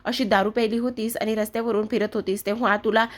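A woman's voice: medium pitch, little pitch movement, fast, close to an everyday voice. A woman voicing a bold, quarrelsome young wife who teases and scolds her husband. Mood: teasing. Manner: scolding, argumentative.

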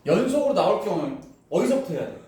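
A man teaching a classroom math lesson, explaining step by step and firing quick questions at his students. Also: high voice, very animated, background noise. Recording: echoey room, voice from far off.

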